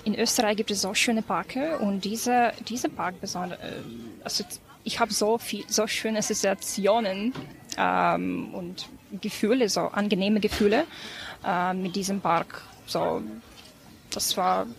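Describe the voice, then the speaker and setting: A Ukrainian woman in her twenties speaks with a Ukrainian accent in a casual interview at a café. Her mid-range voice is steady in tone, a little slow and creaky, and she answers hesitantly with many fillers.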